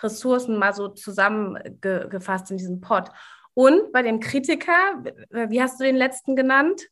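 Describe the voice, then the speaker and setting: A woman hosting a podcast who talks haltingly, often restarting and seeking agreement. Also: fairly high pitch, a bit bright. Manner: hesitant, many fillers and restarts, asks for agreement. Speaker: podcast host. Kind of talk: podcast conversation.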